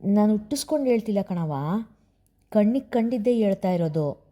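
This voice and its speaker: A woman's voice: medium pitch, lively intonation, brisk, warm tone, natural voice. A woman voicing an earnest village servant woman who speaks in rustic dialect. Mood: pleading.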